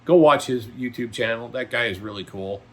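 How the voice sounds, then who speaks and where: A middle-aged or older man, a trucker who video blogs, chats casually with viewers in a monologue. His medium-pitched voice keeps a moderate pace, and his manner is blunt, folksy, emphatic and opinionated.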